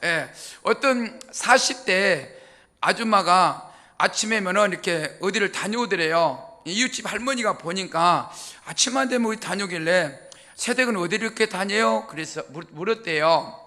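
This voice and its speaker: A man's voice: high-pitched, lively intonation, moderate pace, sharp tone. A male pastor, preaching in a folksy, joking storytelling way. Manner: folksy, joking, laughs at own jokes. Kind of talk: humorous storytelling sermon.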